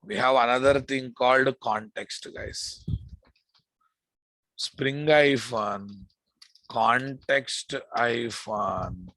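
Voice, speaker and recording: A man's voice: mid-range voice, extremely slow, long pauses, fairly bright tone, no echo, rough recording. A man with an Indian accent giving an informal programming lecture, repeating phrases and addressing his students familiarly. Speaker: programming instructor. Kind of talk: informal live classroom lecture.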